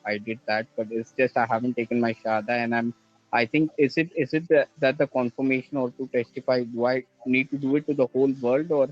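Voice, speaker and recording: A man from India, calling in with questions, halting and restarting as he searches for words. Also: medium pitch, fairly even intonation. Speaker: caller. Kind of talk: call-in question to a religious show. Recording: dull lo-fi call line.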